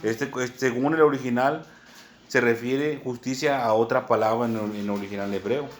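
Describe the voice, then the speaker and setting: A man with a Mexican accent preaching a sermon, teaching slowly and often checking in with "¿verdad?". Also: medium pitch, steady tone. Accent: Mexican Spanish. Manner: unhurried teaching tone, many "¿verdad?" asides, spells words out.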